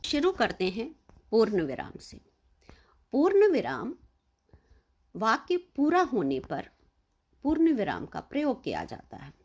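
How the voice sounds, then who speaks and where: A woman's voice: a little high, wildly swooping pitch, unhurried, pauses often, darkish tone. A woman teaching a lesson to children, explaining patiently and stressing her example sentences.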